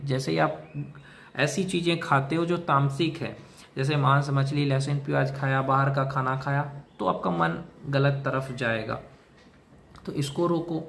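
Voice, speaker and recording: A man's voice: mid-range voice, vocal fry, fairly bright tone, slight background noise. A man giving a direct-to-camera advice monologue, lecturing in a repetitive way and talking to the listener like a brother. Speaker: self-help video host.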